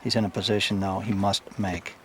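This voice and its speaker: A man's voice: on the low side, level tone, a little fast, slight background noise. A man giving live golf commentary in an informal, colloquial way.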